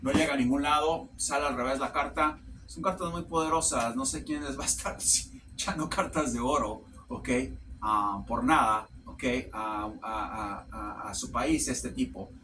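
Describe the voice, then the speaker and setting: A man giving a casual tarot reading to camera. He speaks haltingly, repeats words while searching for the next one, and tacks "ok" onto nearly every phrase. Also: mid-range voice, sharp tone, recorded from a distance, a little hiss or hum. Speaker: tarot reader.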